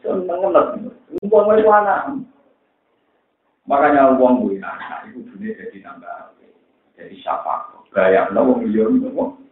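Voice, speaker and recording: A man with a Central Javanese accent preaching a religious lecture, telling stories in a lively way that mixes jokes and pleading. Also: medium pitch, moderate pace, a little hiss or hum. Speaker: Islamic preacher. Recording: echoey, tinny lo-fi recording.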